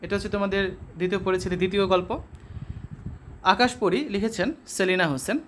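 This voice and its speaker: High-voiced man teaching a class lesson. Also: fairly quick, a bit bright, a little hiss or hum. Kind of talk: reading a textbook story aloud for a lesson.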